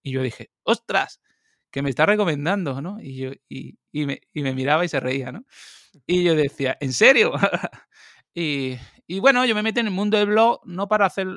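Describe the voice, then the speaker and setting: Man, interview guest, lively casual storytelling, dry close recording. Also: fairly high pitch, no echo. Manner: lively, animated, quick asides and laughs.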